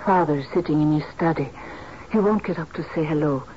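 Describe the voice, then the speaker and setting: An actress playing an anxious, evasive daughter in a drama, speaking with guarded urgency. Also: female voice, low-pitched, fairly quick, lo-fi sound, very noisy, natural voice. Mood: guarded, careful. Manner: urgent, pleading. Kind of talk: screen drama acting.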